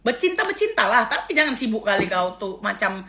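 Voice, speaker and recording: A woman's voice: a little high, very animated, brisk, pushed and bright. A middle-aged woman vlogger ranting casually and scornfully, with frequent exclamations of disgust. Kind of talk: casual reaction rant.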